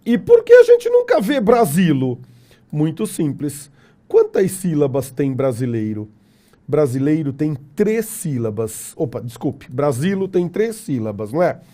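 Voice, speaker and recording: A man with a Brazilian Portuguese accent giving a classroom lecture, lively and jokey, often asking the class rhetorical questions. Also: on the high side, slow. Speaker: teacher.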